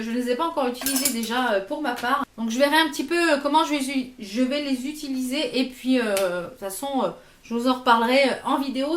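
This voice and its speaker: A woman with a high voice chats casually through a makeup haul, pausing often with fillers as she shows each product. Her voice rings in a roomy, echoey space at home. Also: slight background noise. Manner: hesitant, many fillers, shows products to camera. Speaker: beauty vlogger.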